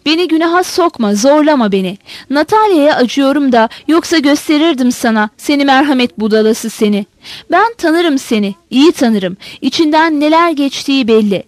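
A vicious young Cossack spitting out threats in a hoarse, furious voice, read by a woman. The voice stays high and sits close and dry. He sounds menacing and scornful. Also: lively intonation, normal speed, no echo. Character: angry young Cossack man, cruel and threatening.

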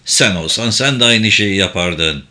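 A man voicing a steady young male mountain guide who speaks low and firm. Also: unhurried, exaggerated voice.

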